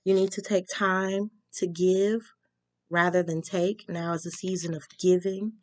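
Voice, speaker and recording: A young woman giving a casual tarot reading, talking frankly and slowing down to stress her advice. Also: fairly low pitch, level tone, no echo. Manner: candid, advice-giving, slows down for emphasis. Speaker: tarot reader.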